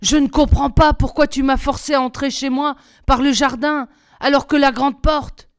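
A woman reading aloud, voicing an eager, cheerful young prince in a lively, raised voice. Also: high voice, moderate pace, voice pushed up, lightly acted. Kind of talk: storybook reading.

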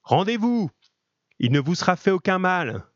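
Man doing a commanding rebel leader, raised high voice, dry dull audio. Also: big pitch swings, normal speed, no echo. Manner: loud, commanding.

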